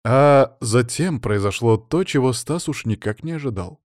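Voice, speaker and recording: A man giving a measured scripted narration of an audiobook. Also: mid-range voice, lively intonation, a little mellow, dry recording, studio quality. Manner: measured storytelling.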